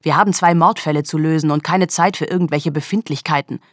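Woman voicing a firm no-nonsense cop boss, sharp and in charge, low dry voice. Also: steady tone, quick pace, no echo, close to an everyday voice. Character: firm male police chief inspector.

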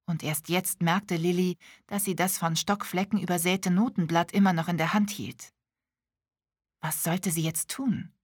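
Woman, audiobook narrator, measured storytelling, lowish voice, dry close sound. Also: fairly even intonation, slightly rough, no echo. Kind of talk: scripted narration.

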